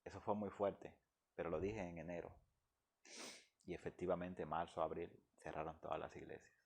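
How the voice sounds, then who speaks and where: A man's voice: low-pitched, fairly even intonation, normal speed, vocal fry, a little mellow. A man from the Dominican Republic, speaking as a guest and giving an emotional personal testimony in an earnest, heartfelt way.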